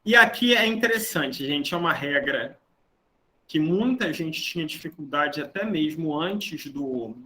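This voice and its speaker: A man's voice: on the high side, animated, unhurried, pushed and bright. A man teaching a grammar lesson to a class, explaining rules step by step and often checking that students are following. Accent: Brazilian Portuguese. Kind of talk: online grammar lecture.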